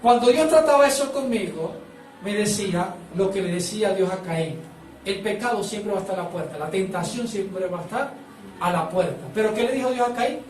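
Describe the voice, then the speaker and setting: A man's voice: high-pitched, expressive, brisk, darkish tone, roomy sound, far from the mic, a little hiss or hum, rough recording. A man preaching a sermon as pastor, prompting the congregation to repeat phrases back to him.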